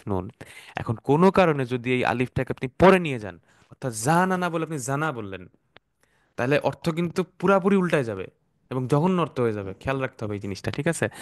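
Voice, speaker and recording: A man's voice: mid-range voice, no room sound, clean studio sound. Patient male Arabic teacher. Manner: patient, repeats words slowly, mixes English terms. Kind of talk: explanatory online class.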